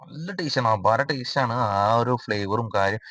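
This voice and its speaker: A man from Kerala narrating a cooking vlog in a casual, rambling way, filling pauses with drawn-out "aa" sounds. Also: mid-range voice, fairly bright tone, no room sound. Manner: chatty, rambling, frequent drawn-out 'aa' fillers. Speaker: cooking vlogger.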